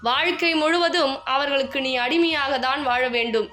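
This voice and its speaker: A woman's voice: sits high, normal speed, sharp tone. A woman delivering a devotional message in the goddess's voice, earnest, scolding and pleading as she addresses the listener as her dear child. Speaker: devotional speaker.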